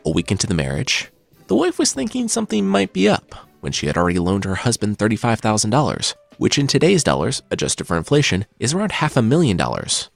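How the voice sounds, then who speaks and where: A man's voice: on the low side, gravelly. A man hosting a podcast, giving scripted narration in a wry, sarcastic storytelling manner. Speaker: podcast host and writer.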